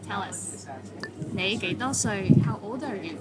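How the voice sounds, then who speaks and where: Woman teaching phrases slowly and clearly. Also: medium pitch, lively intonation, very noisy. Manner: clear, patient, repeats each phrase slowly. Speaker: Cantonese teacher. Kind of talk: language lesson, reading phrases and translating.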